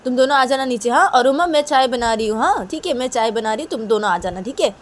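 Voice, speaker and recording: A woman voicing a flustered mother who hurries her daughters out, talking high, loud and insistent with lots of repeats. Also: expressive, quick pace, natural voice. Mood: flustered, bustling.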